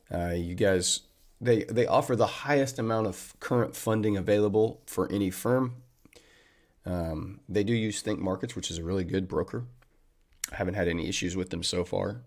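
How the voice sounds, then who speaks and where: A deep-voiced man with a gravelly edge hosts a casual livestream from his desk mic. He talks to his viewers in a chatty, upbeat way and keeps calling them man and buddy. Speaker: trading livestream host.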